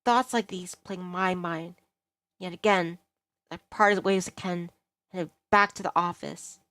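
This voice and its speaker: Reading a visual novel's narration and character lines with theatrical delivery, a woman VTuber streamer speaks at a measured pace in a lowish, slightly bright voice. Her intonation stays fairly even, game music plays, and there's no echo.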